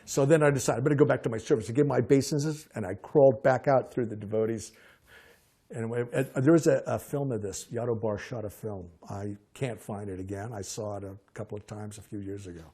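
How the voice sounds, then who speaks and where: An older man recalling personal memories as a lively storyteller, often halting and restarting his sentences. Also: on the low side, slightly rough. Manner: halting, frequent restarts and fillers.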